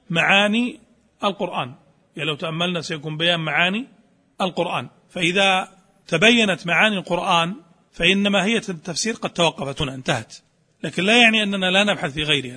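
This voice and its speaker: A man's voice: high voice, pushed and bright. A man giving a scholarly lecture who keeps asking rhetorical questions and answering them himself. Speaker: teacher of Quranic studies.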